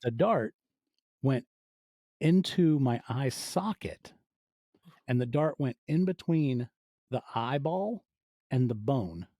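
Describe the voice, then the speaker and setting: A man in his forties, an audio fiction producer appearing as a podcast guest, tells stories casually in a medium-pitched, animated, mellow voice and acts out small quoted asides. He takes his time and pauses often. The sound is clean studio audio with no room sound.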